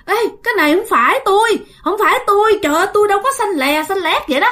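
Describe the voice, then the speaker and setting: A woman voicing a poor old woman who pleads her case in a flustered, high voice. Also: expressive, normal speed, a bit bright. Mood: panicked.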